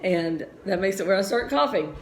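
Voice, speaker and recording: A middle-aged woman teaching physics at a steady middle pitch, walking through each problem step by step. She talks in a chatty way and makes little asides. Now and then she coughs a bit. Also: moderate pace. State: slight cough. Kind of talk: homeschool physics lesson.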